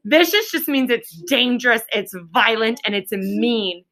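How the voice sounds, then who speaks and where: Teaching a classroom reading lesson, this elementary school teacher speaks on the high side, expressive and unhurried, with a fairly bright tone. She explains plainly, repeats important words and draws pupils in with questions.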